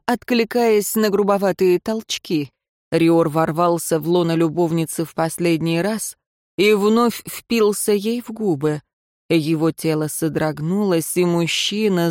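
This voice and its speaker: A woman narrating an audiobook in an even, measured reading. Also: on the low side, dry recording, clean studio sound. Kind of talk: scripted narration.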